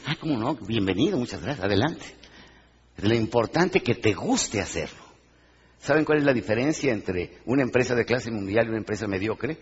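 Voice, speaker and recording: A man giving a live motivational talk, animated and questioning his audience, acting out little scenes. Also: medium pitch, slightly rough. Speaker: motivational speaker. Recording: dull, reverberant hall sound.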